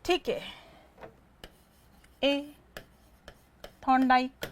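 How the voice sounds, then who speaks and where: In an online exam-prep lecture, a woman fires quick questions, repeats each answer, and calls her students "beta." Her voice is high-pitched and steady in tone, and there is slight background noise.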